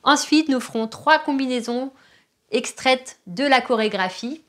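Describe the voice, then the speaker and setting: A woman with a French accent leads an online dance class, calling out each move and counting the beats in rhythm. Her voice sits a little high, and she talks at an unhurried pace. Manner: counts and calls out moves rhythmically. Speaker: dance teacher.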